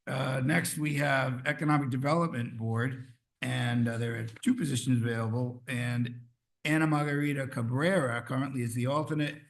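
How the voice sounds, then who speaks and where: A man chairing a town council meeting in a council chamber, brisk and informal. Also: mid-range voice, steady tone.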